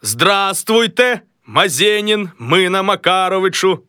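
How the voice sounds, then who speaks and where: A vain, self-important middle-aged fellow from a stage comedy, as a man reads him aloud, grandly trying out one greeting voice after another. He speaks slowly, his pitch leaping high and low in a bright, forceful tone over a dry, close sound. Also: animated, smooth, dry recording, full character voice. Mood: pompous. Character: pompous middle-aged man rehearsing a grand new name.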